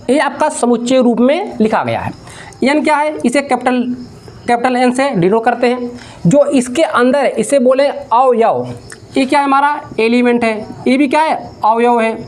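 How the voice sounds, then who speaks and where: A man teaching maths in a classroom-style lecture, dictating slowly and step by step, asking questions and answering them himself, and repeating key terms. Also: very high voice, darkish tone, a little hiss or hum.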